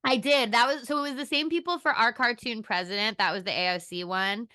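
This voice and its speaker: Young woman, bright tone, smooth clear voice, animated casual chat. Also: fairly high pitch, dry recording, clean studio sound. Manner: animated, quick storytelling with laughs. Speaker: podcast guest, actor.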